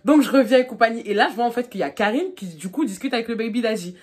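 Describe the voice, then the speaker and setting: A young woman vlogger telling a casual storytime, animated and excitable, her voice jumping high when she gets embarrassed. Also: racing, slightly rough. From France. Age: young adult. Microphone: phone camera.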